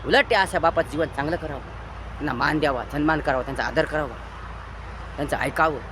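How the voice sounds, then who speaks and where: Fervent high-voiced Marathi man lecturing. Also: quick pace, background noise. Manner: preachy, repetitive, swings between loud emphatic bursts and low quiet lines. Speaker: motivational speaker. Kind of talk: impassioned moral lecture.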